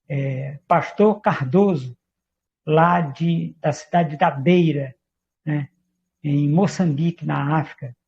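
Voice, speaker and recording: A man with a Brazilian Portuguese accent leads a sermon and prayer, calling out "Father" and "Lord" between his phrases. His voice sits high with a gravelly fry to it. The sound comes through a dull, lo-fi livestream. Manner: fervent, repeating "Pai" and "Senhor" between phrases. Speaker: apostle preaching.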